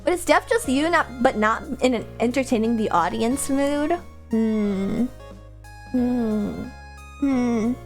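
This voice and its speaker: A young woman VTuber chatting casually with her livestream viewers in a cute, playful, animated anime-streamer manner, talking nonstop. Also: fairly high pitch, slow. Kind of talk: casual livestream chat, reading and answering viewers' messages. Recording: music playing behind the voice. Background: music.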